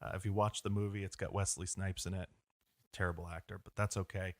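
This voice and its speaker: A man's voice: deep voice, flat delivery, fairly quick, no room sound. A man co-hosting a podcast in casual conversation, asking leading questions and cracking jokes. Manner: joking, asks leading questions. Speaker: podcast co-host.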